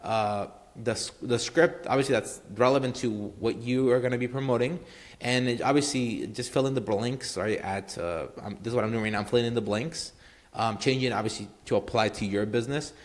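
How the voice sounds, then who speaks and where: A man talking through a screen-share tutorial in a casual, rambling way. His pitch sits in an ordinary middle range. He leans on fillers and keeps checking in with the viewer. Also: brisk. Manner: rambling, filler-heavy, keeps saying obviously and right. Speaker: marketing tutorial host.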